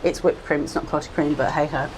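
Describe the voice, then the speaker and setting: Sex: woman. Pitch: lowish. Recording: loud noise. Style: earnest vlog talk to viewers. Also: steady tone, brisk. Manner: earnest, appeals directly to viewers. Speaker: co-host of a cruise vlog. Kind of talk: casual vlog talk to camera. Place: on board a cruise ship. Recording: loud background noise on a ship.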